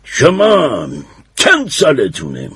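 An actor playing a lawyer and an old judge in a courtroom, asking measured, formal questions. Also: male voice, fairly high pitch, huge pitch swings, fairly bright tone, slightly rough, no echo, full character voice. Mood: reassuring. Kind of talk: radio drama acting.

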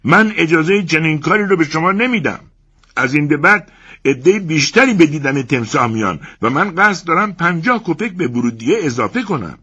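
A greedy, arrogant showman haggles loudly over his crocodile, as a male narrator puts him on. His voice is pushed well above the narrator's usual pitch, proud and grasping, with a gravelly rasp coming through. The recording is dull and lo-fi. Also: lively intonation, full character voice.

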